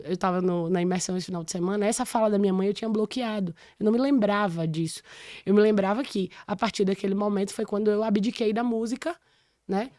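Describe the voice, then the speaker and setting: A woman in her forties, originally from Salvador in Brazil, speaks as a guest on a podcast and tells a personal story in a lively, conversational way. She often breaks off mid-phrase and starts again. Her voice is recorded close to the mic in a dry room. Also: mid-range voice, no echo. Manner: animated storytelling with many restarts. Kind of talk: casual interview chat.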